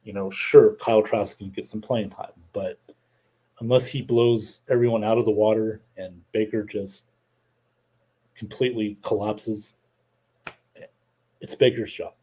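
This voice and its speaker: Casting note: male show host, lowish husky voice, casual opinionated sports rant with many fillers. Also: fairly even intonation, a little slow, long pauses, dark tone. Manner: opinionated, rambling with fillers, reads chat comments aloud. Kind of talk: casual livestream sports talk.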